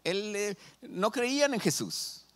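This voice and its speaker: Lively male pastor preaching. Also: sits high, slow pace. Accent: Mexican Spanish. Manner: animated, asks the congregation questions. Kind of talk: sermon.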